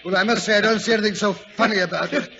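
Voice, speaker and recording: A dull old radio recording holds a pompous older British doctor. The man's voice is high and creaky, and he blusters and stammers as if affronted. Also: steady tone, very fast, bright, forceful tone, heavily acted. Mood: indignant, flustered. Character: indignant, flustered, pompous older English doctor. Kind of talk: 1940s radio drama acting.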